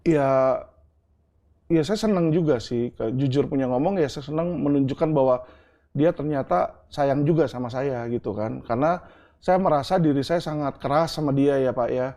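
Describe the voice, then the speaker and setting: A man's voice: medium pitch, normal speed, warm tone. A middle-aged man from Indonesia in an interview, answering earnestly and explaining with homely examples and asides like "right?". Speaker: interview guest.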